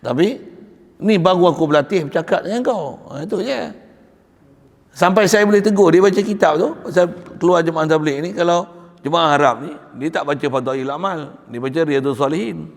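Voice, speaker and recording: A man with a Malaysian Malay accent giving a morning religious lecture, talking in a conversational, animated way with storytelling asides. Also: on the high side, a little fast. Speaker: religious teacher. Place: mosque or religious school hall. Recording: long hall reverb.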